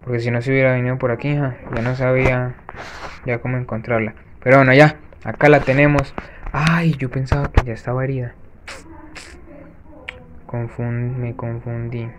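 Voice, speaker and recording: A man hosting a let's-play, chatting to viewers as he plays and breaking off with quick gasping reactions. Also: medium pitch, level tone, background noise. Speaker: gaming channel host. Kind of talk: let's-play gameplay commentary.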